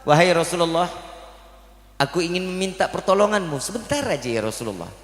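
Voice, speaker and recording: A man's voice: high-pitched, animated, brisk, fairly bright tone, reverberant, long reverb tail. A man voicing a pleading mother deer.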